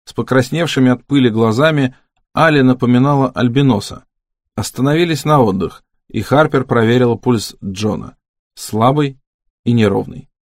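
Brief: male audiobook narrator, measured and steady, mid-pitched, dry studio sound. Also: no echo. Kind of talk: scripted narration.

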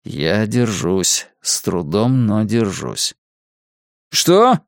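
A man narrating a first-person audiobook in a slow, wry storytelling manner. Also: medium pitch, animated, gravelly, a little mellow, dry recording, studio quality.

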